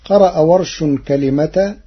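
A man presenting on the radio in scripted explanatory commentary, quoting verses slowly and carefully. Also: on the high side, husky. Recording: muffled old radio recording.

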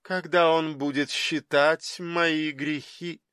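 Sinister, commanding undead-like woman, put on by a male narrator; slow, icy delivery, dry close sound. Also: a little high, steady tone, fairly bright tone, clear, resonant tone, dry recording. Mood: mocking. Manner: cold, mocking, imperious. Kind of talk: audiobook reading.

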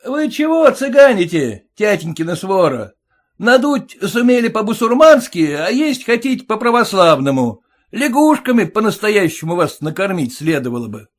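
A man's voice: sits high, big pitch swings, normal speed, voice pushed up. A man voicing a sarcastic, quarrelsome young groom who mocks his new in-laws in a jeering, indignant way.

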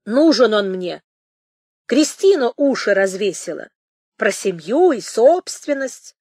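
A brisk, bossy shopkeeper woman, put on by a woman narrator in a storybook reading. She scolds and grumbles, voice rising high as she complains. The recording is close and dry. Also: very animated, a little mellow, slightly rough, dry recording, full character voice. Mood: dismissive.

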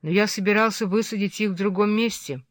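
A reader doing a quiet, sullen young man. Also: fairly even intonation, a little fast, no echo, studio quality, lightly acted. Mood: subdued. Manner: low, subdued, murmuring.

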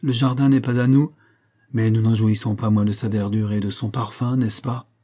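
Un homme qui lit un précepteur pauvre, triste et tendre, qui parle doucement à lui-même, dans un livre audio. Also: male voice, on the low side, fairly even intonation, moderate pace, dark tone, natural voice.

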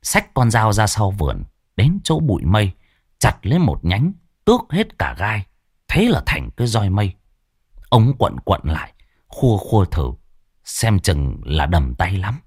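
Animated male ghost-story narrator. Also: fairly low pitch, measured pace, slightly rough, dry recording, studio quality.

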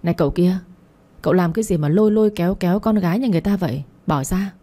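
A woman's voice: fairly low pitch, rapid-fire, mellow, natural voice. A woman voicing a stern middle-aged male security guard who scolds a young man, in an audiobook story. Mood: scolding. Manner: gruff, scolding.

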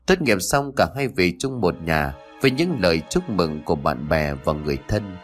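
Male storyteller, lowish and animated. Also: normal speed, soft background music. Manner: expressive, formal sign-off. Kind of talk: scripted story narration.

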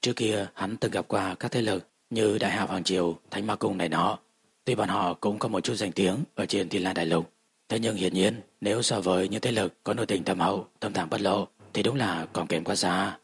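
Deep-voiced man narrating an audiobook. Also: a little fast, slightly rough. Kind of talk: scripted fantasy audiobook narration.

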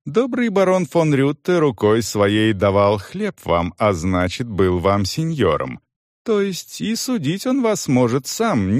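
A man voicing a male notary who speaks quietly, calmly and formally. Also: mid-range voice, no echo, clean studio sound, voice pushed up. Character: calm male notary citing law.

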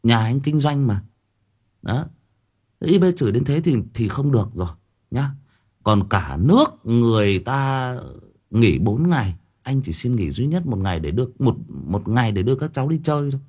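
Talking loosely with his livestream audience, this audiobook reader rambles, hesitates often, and repeats words. He has a husky, slightly mellow mid-range voice with big swings in pitch, moving at a moderate pace.

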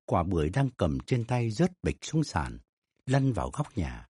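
Low, husky male story narrator. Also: sing-song, unhurried, dark tone, dry recording, studio quality.

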